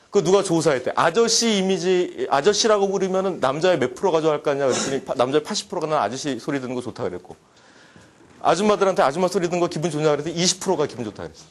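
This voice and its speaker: A man giving a humorous psychology lecture to a class, animated and joking, often acting out quoted dialogue. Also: fairly high pitch. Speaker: university lecturer.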